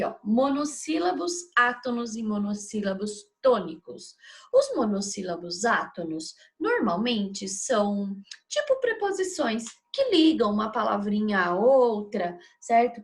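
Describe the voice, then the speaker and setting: A woman teaching a video lesson, explaining step by step and checking in with frequent tag questions. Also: a little high.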